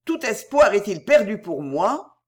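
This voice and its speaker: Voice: medium pitch, big pitch swings, a little slow. A reader voicing a lovesick young poet, pleading. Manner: pleading, breathless declarations. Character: passionate young male poet, lovesick and desperate.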